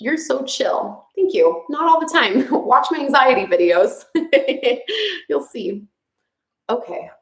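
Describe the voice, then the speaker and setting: This yoga instructor and channel host from Quebec, Canada, speaks French with a Quebec accent during a relaxed live chat fielding viewers' questions, laughing and using lots of fillers. Her voice sits high and sounds animated, her pace slow, in a reverberant space.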